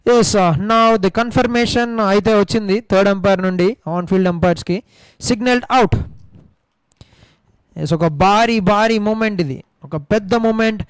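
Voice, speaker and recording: A man with an Indian accent giving excited, emphatic live cricket commentary. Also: high voice, clean tone, no echo, rough recording. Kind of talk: live cricket commentary mixing Telugu and English.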